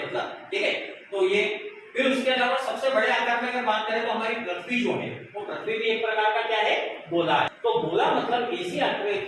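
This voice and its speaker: A male teacher giving a classroom lesson, asking the pupils questions and answering them himself. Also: sits high. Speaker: math teacher. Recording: echoey room, noisy, from far off.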